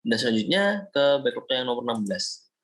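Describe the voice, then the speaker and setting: A young man from Indonesia, a student, explaining a software project step by step in a screen-recorded walkthrough, often pausing with fillers. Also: medium pitch, big pitch swings, low-quality recording. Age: young adult. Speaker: student presenting a project demo.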